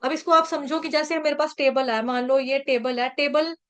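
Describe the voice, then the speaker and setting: A woman's voice: high voice, steady tone, moderate pace, a bit bright. A woman teaching an online scripture class. She patiently drills pronunciation syllable by syllable and keeps checking in with her listeners. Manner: patient, repeats points and checks in with "ठीक है".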